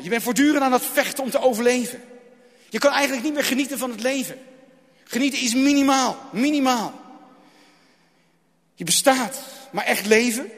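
A man with a strikingly high voice delivers a dramatic sermon. He repeats key phrases and swings from loud, driving lines to hushed ones. His words ring out with a long reverb, as if spoken in a large hall. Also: normal speed, pauses often. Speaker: preacher.

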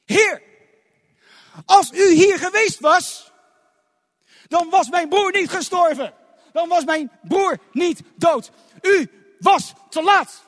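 A man voicing a grieving, indignant woman who pleads loudly and reproachfully with her Lord. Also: extremely high pitch, takes it slowly, long pauses, pitched above the performer's own voice, exaggerated voice. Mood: anguished reproach. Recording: long hall reverb.

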